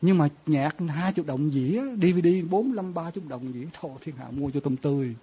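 Man, Buddhist monk teaching, husky mellow voice, lo-fi dull recording. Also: a little high, a little fast. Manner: conversational, quizzing listeners with repeated questions. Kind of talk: Buddhist dharma talk. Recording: dull lo-fi sound.

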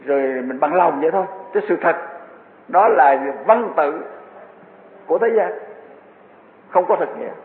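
Over slight background noise, a man with a voice on the high side delivers a Buddhist sermon. He's earnest and repeats himself, drawing on vivid everyday examples, and the audio is tinny, phone-like, and echoey, as in a hall.

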